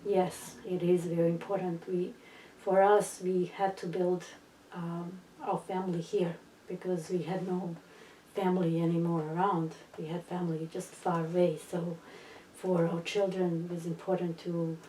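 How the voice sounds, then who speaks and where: A woman's voice: lowish voice, level tone, normal speed, warm tone, slight background noise. Hesitant middle-aged woman, roomy. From Bosnia. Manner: hesitant, many fillers and restarts. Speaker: interviewee. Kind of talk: recorded personal story. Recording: roomy, distant mic, faint ambience.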